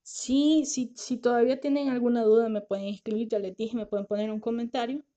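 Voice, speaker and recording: Speaking straight to her listeners, a podcast host who is a lawyer and author sounds earnest, casual and reassuring despite being tired and struggling to talk. She has trouble with her R sound. Her voice is on the high side and mellow, with a steady tone and a fairly quick pace.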